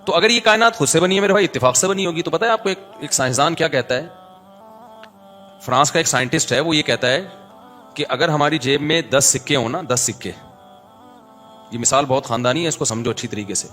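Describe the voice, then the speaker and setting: Karachi urdu preacher guy, kinda high bright voice, bit of music behind. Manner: lively, shifts between chanted recitation and chatty asides. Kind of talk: religious lecture.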